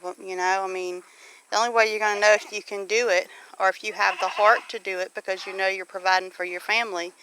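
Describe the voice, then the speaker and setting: Medium-pitched and fairly even in intonation, she talks at a quick pace against a noisy background. She's a middle-aged homesteader vlogger from the US South, chatting casually outdoors near farm animals in a folksy way and frequently asking the listener questions.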